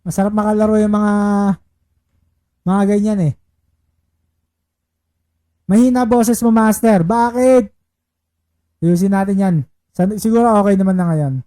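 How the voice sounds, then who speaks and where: A male live-streamer with a warm, mellow tone that stays relaxed. He talks in a loose, casual way as he plays, reads out viewer shoutouts, and rattles off repeated betting calls. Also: high-pitched, a little slow, long pauses. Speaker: livestreaming baccarat player.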